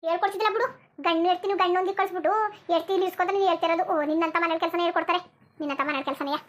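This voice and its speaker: A woman voicing a sharp-tongued old village grandmother in a cartoon, scolding and cursing without pause. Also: very high-pitched, steady tone.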